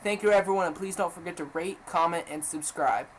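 Woman, lowish voice, offhand host of a hobby game review channel. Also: a little fast, slight background noise, low-quality recording. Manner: plain, offhand, listing scores in a set pattern.

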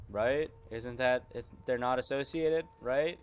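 A man's voice: medium pitch, measured pace, smooth. A man casually commentating his gameplay, joking, swearing and rambling to his viewers. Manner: jokey, profane, rambling, talks to viewers. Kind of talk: casual let's-play commentary.

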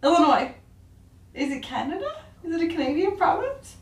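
Animated, high-pitched young woman. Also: moderate pace. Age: young adult. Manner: giggly, excitable. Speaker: quiz contestant. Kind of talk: playful casual banter. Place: small bathroom, in a bathtub. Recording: roomy echo, distant microphone.

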